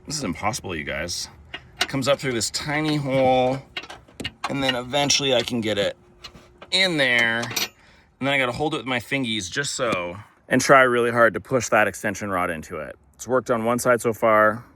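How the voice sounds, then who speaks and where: A DIY vlogger with a medium-pitched, animated voice talks to viewers at a moderate pace in a casual how-to video, grumbling with humor as he works. He's outdoors on wet grass next to a pickup truck, filmed on a handheld phone, with a noisy background.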